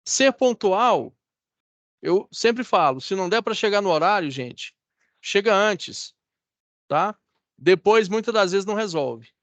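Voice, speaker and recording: Brazilian male instructor, high voice, dry close mic, chatty online lecture with frequent check-ins. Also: animated, slow, long pauses, fairly bright tone, dry recording. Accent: Brazilian Portuguese. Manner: conversational, checks in with students often. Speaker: course instructor. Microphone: video call.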